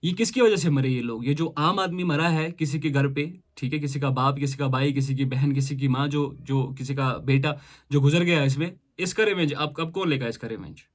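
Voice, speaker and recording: A young man with a Kashmiri accent delivers an impassioned monologue straight to camera. His voice sits slightly high for a man, and he fires off rhetorical questions as he moves between Hindi and English. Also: moderate pace. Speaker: vlogger.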